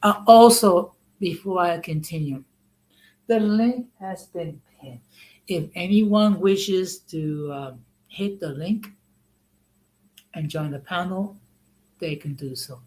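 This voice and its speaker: The audio is poor as this sixtysomething host from the United States leads a casual live-stream in a conversational style, frequently checking in with "okay?" His voice sits high with a darkish tone, and he speaks slowly with long pauses.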